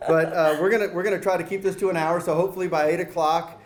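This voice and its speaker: A man's voice: sits high, steady tone, quick pace. A man with a Mississippi accent casually co-hosting a live charity event. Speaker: co-host of a charity fundraiser. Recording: roomy echo.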